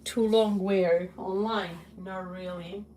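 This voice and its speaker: Loud, laughing Portuguese woman, slow. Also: medium pitch, steady tone, a little hiss or hum. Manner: loud, laughs often, exclaims. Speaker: livestream host. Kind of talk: casual livestream chat answering comments. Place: home kitchen.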